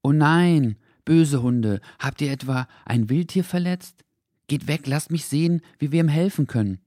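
A gentle little boy, curious and a bit wistful, his raised childish voice earnest and soft in a children's audio story, as a man acts him out. The sound is close and dry. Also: fairly high pitch, a little slow, no room sound, voice pushed up, natural voice. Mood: alarmed. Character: young curious kind-hearted boy.

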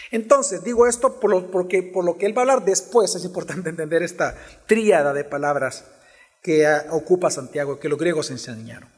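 Man, pastor, expository sermon, high voice, speaks to the congregation, varied emphasis, echoing church hall. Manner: expository preaching, shifting pace and emphasis, addresses congregation directly. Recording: long hall reverb.

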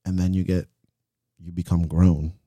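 Low, mellow-voiced man musing frankly. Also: little pitch movement, normal speed, no echo. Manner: reflective, frank, swears freely. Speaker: podcast host and coach. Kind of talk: casual podcast chat.

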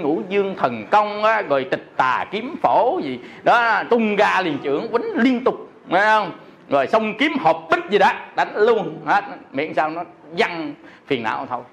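Male monk, high-pitched, jokey preacher who checks in with his audience, faint background noise. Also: gravelly, fairly bright tone. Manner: jokey, laughs often, peppers talk with rhetorical questions. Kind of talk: sermon.

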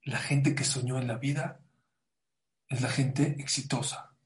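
A man giving a Torah class as a sermon, animated and preacherly, rising to loud emphatic bursts. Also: medium pitch, a little slow.

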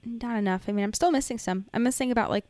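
A woman's voice: a little high, fast talker, dry recording. Woman with a dry, close podcast voice. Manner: sarcastic, animated, slips into a hyped announcer voice when reading. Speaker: podcast co-host. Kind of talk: casual chat. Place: home podcast setup.

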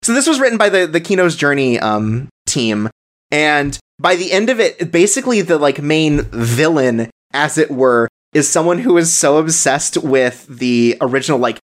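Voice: mid-range voice, big pitch swings, moderate pace. A podcast co-host chatting casually about anime, rambling with lots of filler words and frequent laughter. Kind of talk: casual chat.

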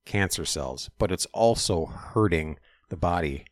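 A man co-hosting a podcast in casual chat, halting as he searches for words. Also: low-pitched, expressive, dry recording, studio quality. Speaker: podcast co-host.

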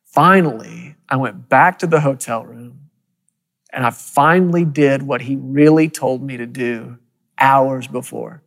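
A man preaching, telling a personal story in an animated way, with quick bursts and soft, quiet asides. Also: mid-range voice, gravelly, long reverb tail. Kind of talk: storytelling sermon.

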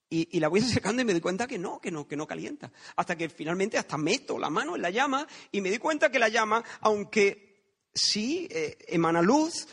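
A man's voice: sits high, fairly bright tone, husky. A man preaching a sermon in a conversational way, telling parables and asking rhetorical questions.

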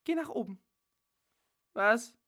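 A woman's voice: on the high side, animated, extremely slow, voice pushed up, heavily acted. A man voicing an enraged young woman who screams at her ex-boyfriend. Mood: furious. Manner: shouting, screeching. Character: furious young woman, shouting ex-girlfriend.

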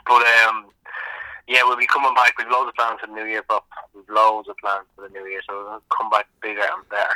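An Irish man co-hosting a podcast in casual chat, heard over the phone, animated and swearing freely. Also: lowish voice, brisk, dry recording, poor audio. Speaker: podcast co-host.

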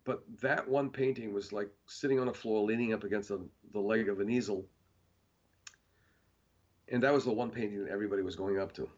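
A man's voice: fairly low pitch, steady tone, brisk, darkish tone, dull audio. A man, a painter being interviewed, talking in a rambling casual way with many fillers and restarts.

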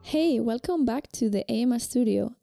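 A woman co-host introducing a podcast episode in an upbeat, clear, scripted way. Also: a little high, animated, normal speed, warm tone, dry recording, faint music behind.

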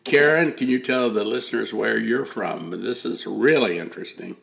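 An older man hosts a casual interview podcast in a deep, heavily gravelly voice. He rambles, trailing off into fillers and restarting his sentences. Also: normal speed, a bit bright. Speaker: podcast host.

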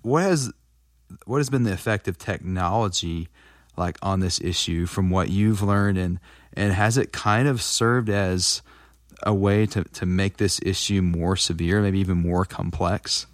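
A man's voice: low voice, unhurried, no room sound, clean studio sound. A man with a West Texas accent hosting a casual interview, feeling his way through questions as he rephrases them.

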